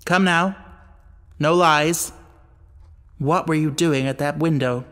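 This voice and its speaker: A man's voice: a little high, slow pace, in a large hall. A man voicing a stern, commanding baronet in an audiobook mystery, blunt and indignant as he questions. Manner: blunt, demanding, forceful questioning.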